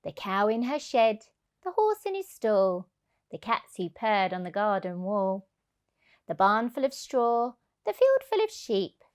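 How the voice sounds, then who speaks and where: A woman's voice: mid-range voice, clear, resonant tone. A woman in her thirties, a childminder, reading a rhyming children's storybook aloud in a sing-song way. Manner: sing-song rhyming delivery with rising animal words. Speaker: childminder reading a picture book.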